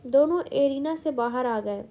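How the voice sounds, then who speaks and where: A woman's voice: sits high, a little slow, dark tone, lo-fi sound. A woman steadily reading a comic book aloud as the storyteller.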